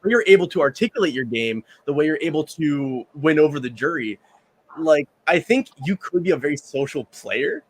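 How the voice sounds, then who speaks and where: A man's voice: a little high, animated, moderate pace, breathy edge. A man in his early thirties, a podcast co-host asking long, rambling, enthusiastic questions. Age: 30s. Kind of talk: casual podcast chat.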